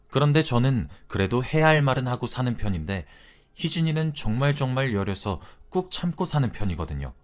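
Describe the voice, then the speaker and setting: Man narrating a chatty confiding story. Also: mid-range voice. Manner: chatty confiding storytelling, retelling a wife's account. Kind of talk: scripted narration of a listener's story.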